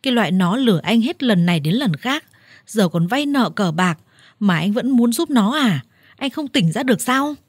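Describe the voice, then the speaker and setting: A woman voicing a furious older village woman who scolds her brother in a harsh, shouting manner. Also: medium pitch, expressive, a little fast, slightly rough, dry recording, clean studio sound.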